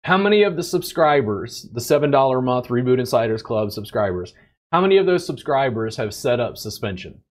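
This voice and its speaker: A man hosting a casual podcast conversation, animated and blunt, swearing and acting out what other people say. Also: mid-range voice, brisk. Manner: animated, swears, acts out quoted people in raised voice. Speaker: podcast host and bodywork teacher.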